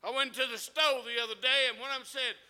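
A man's voice: very high-pitched, fairly even intonation, fast talker, pushed and bright, clean tone. A male preacher, mixing folksy stories with fervent preaching. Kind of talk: sermon.

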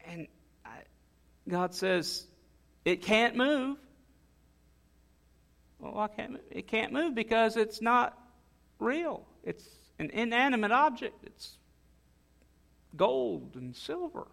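A man's voice: sits high, animated, slow pace, gravelly, long pauses, a bit bright, in a large hall. A man preaching a sermon in a conversational way, with frequent fillers and restarts. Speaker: pastor.

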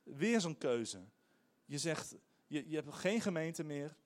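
A middle-aged man, a pastor, preaching a sermon in an animated, emphatic way with frequent hesitations. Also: on the high side, slow pace.

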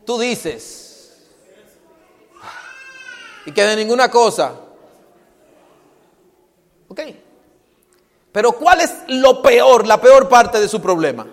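A man preaching a sermon on a microphone. He asks rhetorical questions and swings between loud, emphatic lines and hushed ones. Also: very high voice, lively intonation, takes it slowly, long pauses. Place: church hall. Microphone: handheld microphone. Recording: hall with long reverb.

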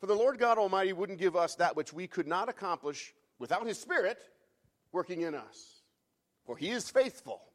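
A man preaching a sermon, moving from quiet reflection to fervent, emphatic climaxes, repeating key phrases. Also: high voice, animated, moderate pace. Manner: builds from hushed reflection to fervent, loud climaxes; repeats phrases for emphasis, some restarts and fillers. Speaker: pastor.

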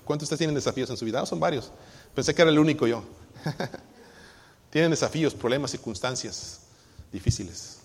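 A man preaching a sermon as pastor, animated and playing out the words of his congregants, heard in a church. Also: medium pitch, a little fast, pauses often, husky. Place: church sanctuary. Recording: long hall reverb.

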